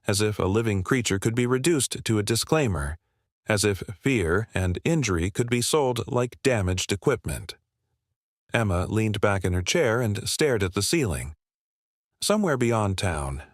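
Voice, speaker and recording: A man reading a heartfelt animal story aloud in a measured, steady storytelling manner. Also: on the low side, dry recording, studio quality. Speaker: narrator. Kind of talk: scripted story narration.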